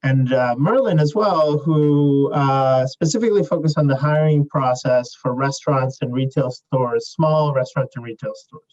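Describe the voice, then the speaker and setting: A young adult man from Chile, a startup CEO answering interview questions in a measured way, with many fillers and restarts. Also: medium pitch, a little mellow, highs cut off.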